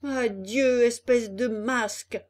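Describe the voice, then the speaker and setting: A woman voicing a cheeky wooden puppet boy in a shrill, emphatic way, reading a storybook. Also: a little slow, warm tone. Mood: mocking.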